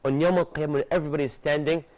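With a voice on the high side, a young man hosts a religious lesson on TV before studio guests. He gestures animatedly and recites Arabic verses quickly, miked with a lapel mic in the studio.

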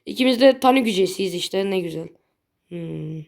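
A woman's voice: medium pitch, expressive, normal speed, gravelly, a little mellow. A young woman chatting casually while playing a mobile game, blunt and easily frustrated, swearing lightly at her bad luck. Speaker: gaming video creator. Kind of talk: casual gameplay commentary.

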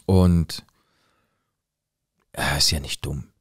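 A man with a deep, low-pitched voice tells a true story from his own life in a loose, conversational way. His speech is blunt and full of street slang. He acts out the other people's lines as he goes. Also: drawn-out words, breathy edge. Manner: street slang, plain and direct; acts out quoted lines in the tale. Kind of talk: casual first-person storytelling.

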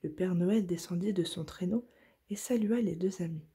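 Soft breathy lady reading a kids' bedtime story, warm and mellow, sometimes almost whispering. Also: lowish voice. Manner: soft, gentle and breathy, slow at tender moments. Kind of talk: reading a children's story aloud.

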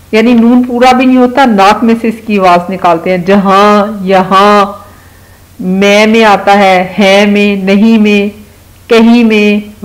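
A woman in a children's lesson, mid-pitched. She speaks patiently and repeats each example word slowly for young learners. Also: rough recording. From Pakistan. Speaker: teacher.

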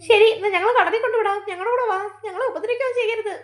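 A woman's voice: very high-pitched, racing. A woman playing a fretful, scolding mother in a family comedy skit, full of exclamations.

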